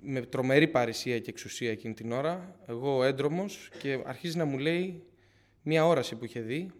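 Earnest young man giving church testimony. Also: medium pitch. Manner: earnest, retells with frequent "I say" and restarts. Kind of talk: personal faith testimony to a congregation.

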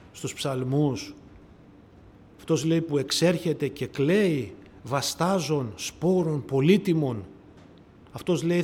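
A male preacher delivering a sermon to his congregation, asking rhetorical questions, repeating phrases for emphasis and swinging between loud declarations and soft asides. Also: on the high side, slight background noise.

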